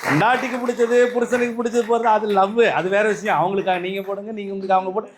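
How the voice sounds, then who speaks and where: High-voiced emphatic Tamil man preaching. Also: steady tone, rapid-fire, crowd noise. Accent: Tamil Nadu. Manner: emphatic, repetitive, addresses listeners directly with rhetorical questions. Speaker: spiritual speaker. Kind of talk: spiritual talk to followers.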